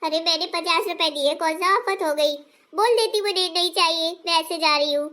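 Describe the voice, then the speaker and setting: A woman's voice: very high voice, normal speed, bright, forceful tone. A woman voicing a meek young daughter-in-law in a cartoon family story, who defends herself in a plaintive way. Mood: hurt, defensive.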